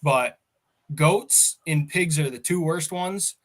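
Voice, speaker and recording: A man's voice: on the high side, slow pace, a bit bright. Casual rambling farmer man. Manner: rambling, storytelling, laughs often. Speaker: farmer guest. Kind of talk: casual chat.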